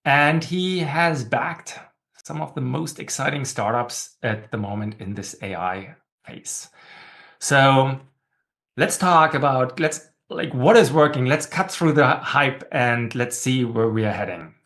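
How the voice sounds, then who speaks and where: A man at a mid-range pitch hosts an interview, introducing his guest with measured, slightly formal phrasing. His questions come with small fillers and restarts. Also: lively intonation, creaky, fairly bright tone. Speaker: host, faculty member.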